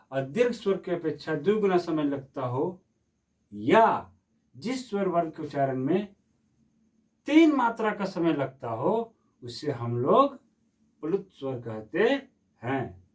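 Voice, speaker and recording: A man's voice: fairly high pitch, darkish tone, far from the mic. A man teaching a Hindi grammar lesson who repeats each question and answers it himself, stretching vowels to demonstrate.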